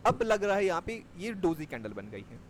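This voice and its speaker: A man's voice: sits high, very animated, brisk, a little hiss or hum. A man teaching a live class on trading, explaining step by step and checking that his students follow. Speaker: stock market trading teacher.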